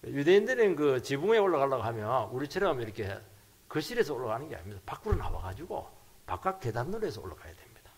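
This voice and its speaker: A middle-aged man, a pastor, preaching a sermon emphatically, his voice jumping from loud bursts down to near whispers. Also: mid-range voice, big pitch swings, fast, breathy edge.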